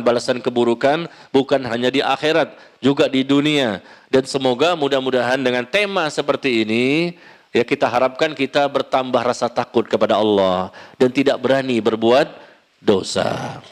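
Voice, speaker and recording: A man preaching a sermon and answering audience questions, talking in an animated, emphatic and gently humorous way, addressing the listeners directly. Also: mid-range voice. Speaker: Islamic preacher.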